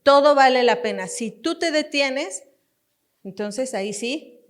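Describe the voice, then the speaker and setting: Slow, emphatic woman pastor. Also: high voice, expressive. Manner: emphatic and repetitive, addressing parents directly with light laughter. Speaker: pastor and teacher. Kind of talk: family teaching sermon.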